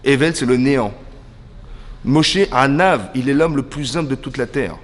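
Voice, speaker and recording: Animated rabbi in a reverberant hall. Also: male voice, mid-range voice, normal speed. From France. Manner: animated, acts out dialogues, asks listeners questions. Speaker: rabbi teaching a women's class. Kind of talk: lively religious lesson. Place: lecture hall.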